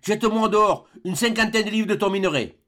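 A man's voice: sits high, quick pace, a bit bright, pitched above the performer's own voice. A man voicing a determined, commanding middle-aged explorer doctor in an audiobook, speaking in an urgent, rising declamation.

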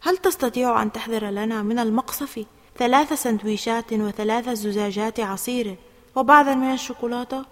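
A woman's voice: fairly high pitch, a little fast, in a large hall, lightly acted. A woman voicing a mocking, bossy boy who leads a school gang. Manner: scornful, teasing, bossy.

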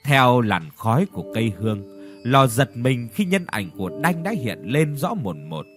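Male ghost-story narrator with lively pitch. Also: moderate pace. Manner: dramatic, steady storytelling. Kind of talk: scripted horror story narration. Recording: long reverb with faint music.

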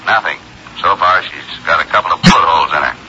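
A blunt, businesslike police sergeant comes through a telephone line, his voice very deep yet sharp and forceful at the edges. He gives facts flatly in the manner of a 1950s radio drama. The old broadcast recording sounds muffled, with a faint hiss. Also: fast, full character voice. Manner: blunt, matter-of-fact. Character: gruff male police robbery sergeant. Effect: voice over a telephone line.

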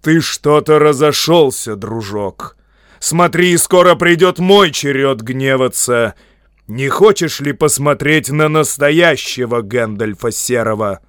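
A man doing a grave, calm old wizard. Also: slightly rough, no room sound, clean studio sound, exaggerated voice. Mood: stern. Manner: calm, low, measured, then stern.

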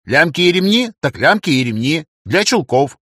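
A man's voice: a little high, very animated, moderate pace, sharp tone, husky, dry recording, studio quality, pitched above the performer's own voice, exaggerated voice. A man voicing a cheeky male raccoon thief who keeps needling his friend. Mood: teasing. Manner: teasing, needling.

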